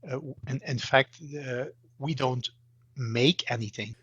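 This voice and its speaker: A Belgian man in his forties from eastern Belgium answers interview questions as a guest expert on AI in banking. His medium-pitched voice is pushed, bright and a bit breathy, with fairly even intonation and a measured pace. He sounds hesitant, repeating words, restarting often and using many fillers, in dull, dry audio.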